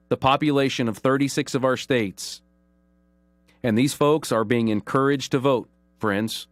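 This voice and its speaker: This medium-pitched man runs a call-in radio program, reading headlines aloud and commenting earnestly and emphatically, easing his pace to press on key phrases. There's no echo.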